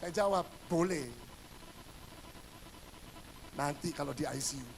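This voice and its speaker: A male pastor giving a humorous sermon, telling stories and acting out the dialogue, swinging between loud bursts and hushed asides. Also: on the high side, slow, gravelly, noisy background.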